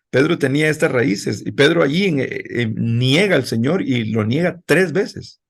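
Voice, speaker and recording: A man's voice: mid-range voice, lively intonation, unhurried, creaky. A male pastor preaching a sermon in a conversational way, speaking directly to his congregation.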